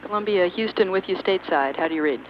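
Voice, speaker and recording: A woman speaks fast and clipped over a radio transmission, like a communicator channel, calling up the crew in short procedural bursts. Her voice sits a little low, and the muffled, narrow sound is buried under steady hiss. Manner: brisk, clipped replies. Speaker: capsule communicator. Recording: lo-fi, noisy radio link.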